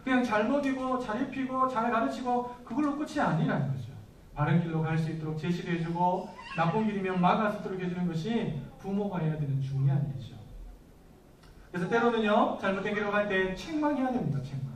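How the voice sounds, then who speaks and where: A man's voice: high voice, animated, a little fast, a little hiss or hum. A man in his thirties, a pastor, preaching a sermon conversationally and asking the congregation questions. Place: church hall. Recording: echoey room from far off.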